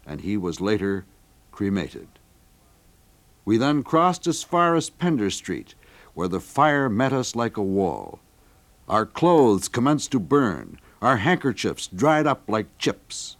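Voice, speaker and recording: Man reading a dramatic first-person historical account as a documentary narrator. His pitch moves in a lively way, climbing for vivid moments. His voice sits in an ordinary middle register.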